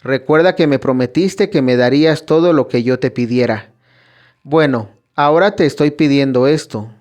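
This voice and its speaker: Man reading a scared young visionary girl, slow and pleading, storybook narration. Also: mid-range voice, darkish tone, lightly acted.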